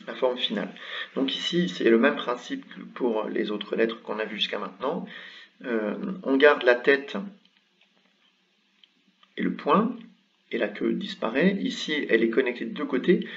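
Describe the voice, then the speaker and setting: Man, mid-pitched, patient teacher walking through a lesson with lots of "euh", slightly dull lo-fi sound. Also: recorded from a distance. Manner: patient, explains step by step with many fillers. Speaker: Arabic script teacher. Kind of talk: online language lesson.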